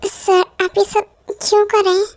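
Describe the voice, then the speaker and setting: A woman's voice: very high voice, flat delivery, moderate pace, darkish tone. A woman voicing a shaken young man who pleads politely in a fan dub of a romance drama. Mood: anxious. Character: young man, frightened and tearful victim.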